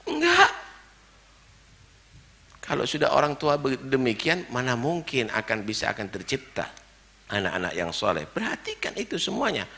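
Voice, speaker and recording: A man preaching a dawn sermon, stressing his points with rhetorical questions and sudden loud exclamations, and chanting Arabic verses. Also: medium pitch, big pitch swings, brisk, vocal fry.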